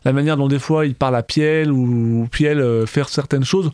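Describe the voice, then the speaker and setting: A man co-hosting a casual film discussion, speaking haltingly as he searches for words. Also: medium pitch, fairly even intonation, darkish tone, clean tone, no echo, clean studio sound. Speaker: film discussion podcast co-host. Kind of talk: casual film review chat.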